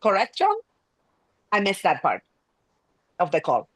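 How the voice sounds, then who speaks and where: A woman's voice: medium pitch, wildly swooping pitch, unhurried, breathy edge, dry recording, poor audio. A woman whose first language is Spanish, hosting an online meeting in a friendly, hesitant way with many restarts. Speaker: meeting host. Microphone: video call.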